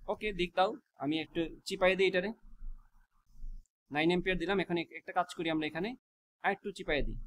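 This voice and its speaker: Fast-talking man teaching physics. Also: sits high, a bit bright. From Bangladesh. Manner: quizzes students with quick rhetorical questions; mixes English math terms into his speech. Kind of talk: classroom physics lesson.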